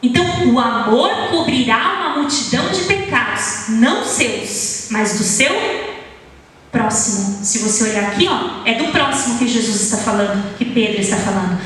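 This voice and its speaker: A woman preaches to her congregation with an animated delivery, reading scripture as if telling a story. Her voice is high and sounds distant from the microphone. The church hall around her has a long, heavy reverb. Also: normal speed. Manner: animated, shifts pitch to act out quoted speakers. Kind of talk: sermon with expressive scripture reading. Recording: echoey hall, voice from far off.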